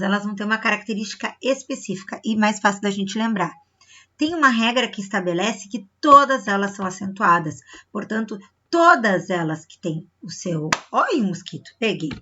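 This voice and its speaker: A woman teacher with a bright, clear, medium-pitched voice leads children through a review lesson. She explains patiently, checks in often, and draws out words to mark where the stress lands. The audio is dull and lo-fi, much like a home video.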